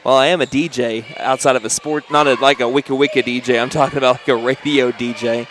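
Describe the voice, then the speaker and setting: A man with an Oklahoma accent calling high school basketball play-by-play on the radio, quick and chatty with jokey asides. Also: fairly even intonation, noisy background. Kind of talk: play-by-play commentary.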